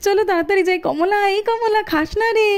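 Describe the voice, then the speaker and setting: A woman voicing an excited young girl in a doll cartoon, coaxing and calling out. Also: extremely high pitch, a little fast, voice pushed up. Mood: alarmed. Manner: shouting, coaxing.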